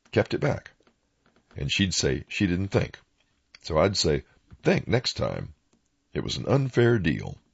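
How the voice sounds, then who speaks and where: A man with an Appalachian accent and a gravelly, raspy voice, telling folksy first-person oral-history stories in plain-spoken rural dialect. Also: sits low, darkish tone, dull audio.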